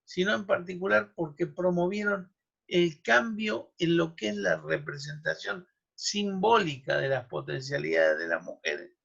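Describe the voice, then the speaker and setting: This university law lecturer covers history, listing names and dates and tossing asides to his students. He has a medium-pitched, gravelly voice that sounds pushed and bright, with a breathy edge. It comes through a dull, lo-fi recording.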